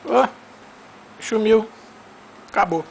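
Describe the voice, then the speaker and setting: A man's voice: high-pitched, slow, creaky, a little hiss or hum. A man with a Brazilian accent filming a baby at home and talking to it in a playful, coaxing sing-song. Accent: Brazilian Portuguese.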